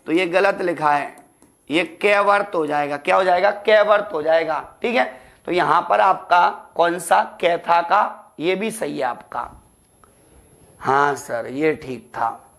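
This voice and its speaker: High-voiced man teaching Hindi grammar. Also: a little slow, creaky, a bit bright. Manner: calls students "beta" and "ladlo", asks and answers own questions. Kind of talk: online exam prep lesson.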